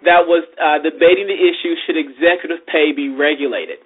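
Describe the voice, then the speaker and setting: A man's voice: a little high, steady tone, a little fast, breathy edge. A man hosting a podcast in casual, conversational debate. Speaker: podcast host. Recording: thin phone-like radio sound.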